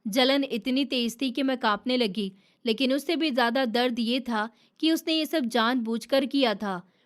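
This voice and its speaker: A woman telling a sad family story in the first person, in a soft, emotional storytelling manner. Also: sits high, moderate pace. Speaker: narrator.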